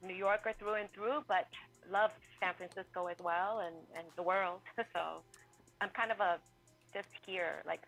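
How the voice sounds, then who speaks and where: A woman from New City, a guest on a talk show, relaxed and quick to laugh. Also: mid-range voice, soft background music, poor audio. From New York City. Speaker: guest, author and intuitive. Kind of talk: casual interview.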